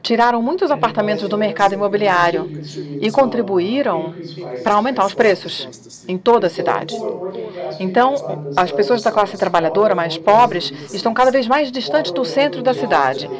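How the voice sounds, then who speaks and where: Measured woman giving an academic talk. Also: medium pitch, animated, a crowd in the background. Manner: measured, pausing with fillers. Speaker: panel speaker.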